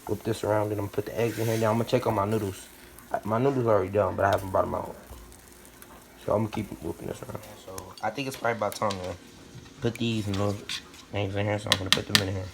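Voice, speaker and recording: A man's voice: fairly low pitch, little pitch movement, rapid-fire, gravelly. A young American man chatting casually in slang and repeating himself as he narrates a home cooking vlog. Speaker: vlogger. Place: home kitchen. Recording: noisy home recording with clicks.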